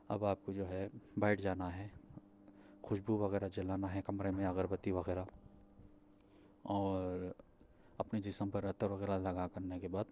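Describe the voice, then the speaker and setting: A man with a Pakistani Urdu accent walks listeners through a ritual, step by step. His voice sits low and dark, with little rise or fall, and he keeps checking in and repeating himself. Faint noise hums behind him. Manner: repeats steps, checks in with "theek hai"; hesitant, with fillers and restarts. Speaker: spiritual practitioner teaching a ritual. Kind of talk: spoken instruction to viewers.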